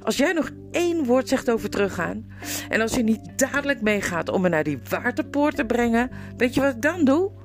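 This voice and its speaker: A woman's voice: fairly high pitch, very animated, a little fast, soft background music, pitched above the performer's own voice. A woman reading a storybook aloud and voicing a bold, determined young runaway girl who speaks firmly and urgently. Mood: stern. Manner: firm and urgent.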